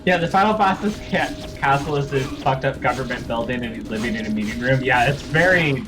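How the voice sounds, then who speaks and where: A man's voice: medium pitch, animated, brisk. A man chatting casually as co-commentator on a video game playthrough. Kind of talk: casual chat over gameplay. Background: game music.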